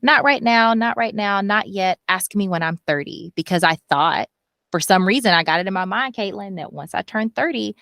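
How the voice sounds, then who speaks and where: A woman's voice: mid-range voice, expressive, moderate pace, gravelly, fairly bright tone, no echo, studio quality. A woman in her thirties speaking as a podcast guest, earnest and candid, animating her story by acting out what people told her. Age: 30s. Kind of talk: candid conversational interview.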